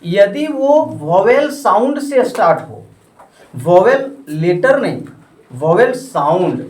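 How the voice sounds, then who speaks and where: A man's voice: high-pitched, sing-song, slow, darkish tone. Man teaching a class, echoey room. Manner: prompts the class to finish his sentences. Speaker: English grammar tutor. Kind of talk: classroom lesson. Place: coaching classroom. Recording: roomy classroom from a distance. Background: students chattering and answering.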